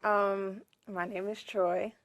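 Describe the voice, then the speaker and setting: A young woman from New York answering interview questions, soft-spoken and hesitant with many pauses. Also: medium pitch, level tone, dry recording. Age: young adult. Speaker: guest.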